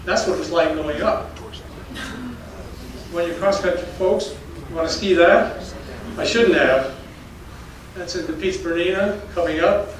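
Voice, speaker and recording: An older man with a slightly high voice speaks at a measured pace, giving a public geology lecture as a storytelling slide talk. Folksy, anecdotal, he chuckles in between stories. Recorded in a darkened lecture hall with an audience, it sounds very echoey, from a distant mic, with faint noise.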